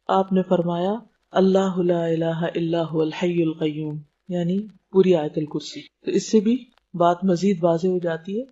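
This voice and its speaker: A woman's voice: mid-range voice, dark tone, muffled recording. A woman giving a religious lecture who explains each point in plain terms, glosses words with everyday English and puts rhetorical questions to her listeners.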